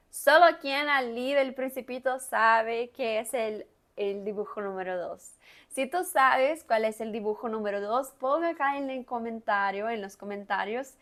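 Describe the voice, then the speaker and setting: Woman language teacher, unhurried and careful, repeats words and leans hard on each sound for learners to copy. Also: fairly high pitch. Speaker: Spanish teacher. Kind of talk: guided reading lesson with pronunciation drills.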